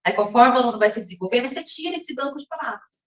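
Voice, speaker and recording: A woman's voice: fairly high pitch, animated. Patient woman teacher in a roomy echo. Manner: explains step by step, with frequent check-ins like "tá?"; slows down and reads some passages slowly, as if from a text. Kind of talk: recorded lesson on teaching. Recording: roomy echo, mic at a distance.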